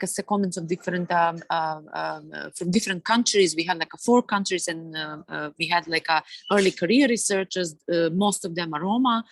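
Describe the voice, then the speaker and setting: A woman from Serbia with a Serbian accent, speaking on a webinar panel in a halting way with many fillers and restarts. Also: lowish voice, no room sound. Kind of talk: webinar discussion. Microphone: video call.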